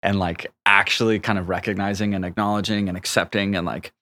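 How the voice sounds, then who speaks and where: A man's voice: lowish voice, flat delivery, brisk, bright, forceful tone. A young man co-hosting a podcast in casual chat, rambling with lots of fillers and swearing. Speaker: podcast co-host.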